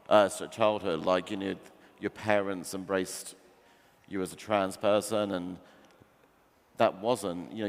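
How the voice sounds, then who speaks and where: Male panel host, lowish voice, brisk conversational framing, hall echo. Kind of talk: moderating a panel. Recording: echoey hall.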